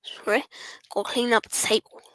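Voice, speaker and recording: A woman's voice: fairly high pitch, fairly even intonation, moderate pace, a bit bright, no echo. A woman streamer chatting to herself while gaming, joking and often dropping into whispers. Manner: jokey, self-interrupting. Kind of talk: casual gameplay commentary.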